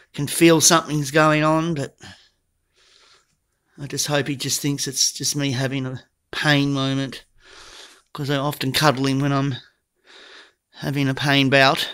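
A low-pitched woman speaks softly and dotingly to her dog, filming a casual vlog. She sounds tearful, as if holding back crying. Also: level tone, unhurried, pauses often. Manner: soft, doting baby-talk to a dog. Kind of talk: vlog, talking to a pet.

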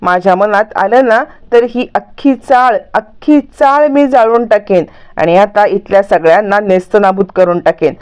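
A woman's voice: mid-range voice, normal speed, darkish tone, clean tone, lightly acted. A woman voicing a proud, hot-tempered woman who scolds and threatens her neighbours in a story recap, in a raised, accusing voice. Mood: threatening.

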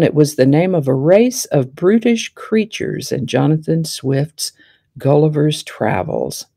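A woman's voice: sits low, vocal fry, warm tone, no room sound. A woman from Texas hosting a daily history segment, reading from a script with chatty, wry asides and words stretched out for emphasis. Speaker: host.

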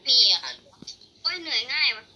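A woman's voice: normal speed, sharp tone. A woman talking casually with teammates while playing a video game. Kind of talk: casual gaming chat. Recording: faint background noise, game ambience.

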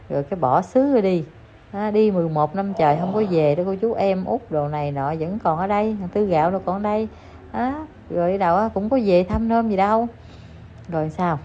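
A woman talks straight to her viewers in casual gossip commentary, repeating herself and scolding with emphasis. Her voice sits fairly low. The audio is a bit dull and lo-fi, with faint ambience behind her. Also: warm tone, a little hiss or hum. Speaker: online commentator addressing viewers.

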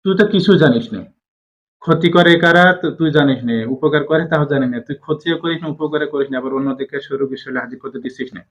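A man working as a faith healer, sternly questioning a possessed patient, pressing for quick answers and repeating each reply back. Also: on the high side. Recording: dull lo-fi recording.

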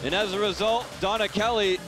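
A man's voice: high-pitched, fairly even intonation, a little fast, over music. A man giving dramatic, emphatic MMA commentary as a ringside commentator.

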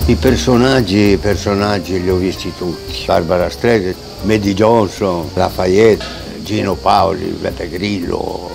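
A man in his eighties with a very low, deep voice tells his story with unhurried pride, often restarting his sentences. He speaks into a lapel mic on an open restaurant terrace, with music playing clearly beneath him. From Italy. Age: 80s. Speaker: restaurant owner and chef. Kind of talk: interview, reminiscing. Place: covered restaurant terrace outdoors.

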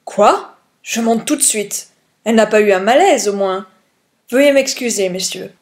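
A woman's voice: medium pitch, moderate pace, lightly acted. A woman reading the part of a smug, talkative wealthy businessman, in a spoken storybook. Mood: alarmed. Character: self-satisfied wealthy husband, businessman.

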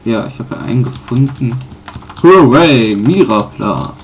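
A man casually commenting on his own playthrough, pausing often with fillers and correcting himself. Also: medium pitch, darkish tone, slight background noise. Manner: halting, many fillers and self-corrections. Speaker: let's player.

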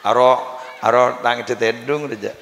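A man preaching a comic sermon with a Madurese accent, jokey and lively, often laughing and breaking into chant, at a live religious gathering. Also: medium pitch, measured pace, heavy background noise. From Indonesia. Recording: echoey live hall with ambience.

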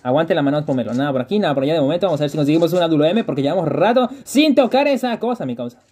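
A male game streamer, his pitch swinging up and down as he talks. His voice is husky and mellow. He chats with his viewers and repeats phrases in quick bursts. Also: expressive. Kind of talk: live gameplay stream, chatting with viewers.

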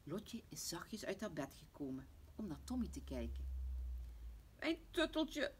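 A woman reading a children's bedtime story aloud in a gentle manner. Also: low voice, expressive, normal speed, a little hiss or hum. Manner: gentle, hushed toward the end. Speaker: reader.

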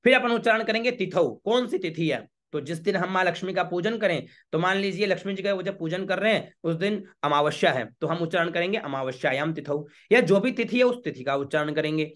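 A man, a priest teaching a home worship ritual step by step, chanting Sanskrit lines slowly and checking with the listener often. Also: high voice, a bit bright. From Rajasthan, India. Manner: patient, repeats checks like "okay?".

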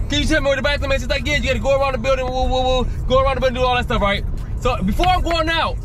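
A man in his thirties vlogging his gig deliveries from inside his car, hyping himself up with little rhymes and calling everyone baby. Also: very high voice. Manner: hypes rhymes, keeps saying baby. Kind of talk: casual ride-along vlog. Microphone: dash camera facing driver.

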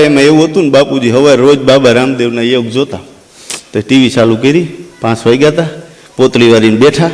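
A man telling a comic folk story on stage, acting out the people in it and drawing out their crowd chants. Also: a little high. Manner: lively, acts out quoted characters, drawls crowd chants. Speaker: stand-up comedian and storyteller.

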